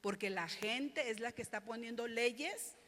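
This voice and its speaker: A woman's voice: a little high, a little slow, a bit bright. A woman pastor with a Mexican accent, preaching a sermon and calling out to the brothers and sisters with rising, emphatic stretches. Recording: long hall reverb.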